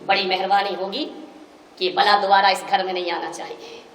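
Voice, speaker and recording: A cold, scornful mother-in-law, as a male preacher puts her on, dismissive and curt. The voice is bright and fairly high. It echoes through a large hall, heard from far off. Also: flat delivery, normal speed. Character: cold, contemptuous middle-aged mother-in-law.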